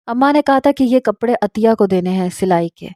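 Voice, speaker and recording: A woman's voice: fairly high pitch, animated, fairly quick, mellow, dry recording, studio quality, lightly acted. A woman voicing a proud young man who looks down on his aunts, in a spoken story. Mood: haughty. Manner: haughty, picky.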